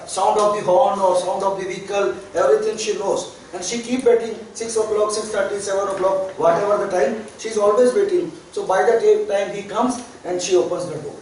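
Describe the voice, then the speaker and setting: Lecturing in an echoey hall, a man from India with a high, slightly mellow voice trains students in therapy. He uses plain non-native English and chuckles in asides, recorded on a distant mic with faint background noise.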